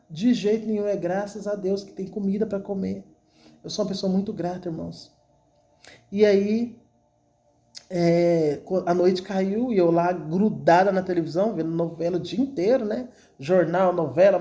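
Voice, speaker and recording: Her voice mid-range and warm, a church member with a Brazilian Portuguese accent delivers an emotional religious testimony to her congregation. She recounts her story repetitively, saying words over and over.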